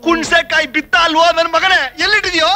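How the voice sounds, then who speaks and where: Exasperated scolding boss. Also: male voice, extremely high pitch, steady tone, quick pace, sharp tone, full character voice. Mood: angry. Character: exasperated man scolding a bumbling helper. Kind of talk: film comedy acting. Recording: film soundtrack with faint music.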